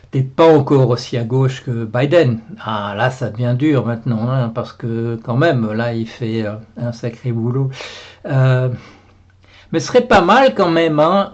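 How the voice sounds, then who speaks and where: A Belgian man with a Belgian French accent speaks in a gravelly, mid-pitched voice. He rambles indignantly in a casual video monologue, with plenty of fillers and repeated phrases. The sound is a bit dull and lo-fi. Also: darkish tone. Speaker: blogger.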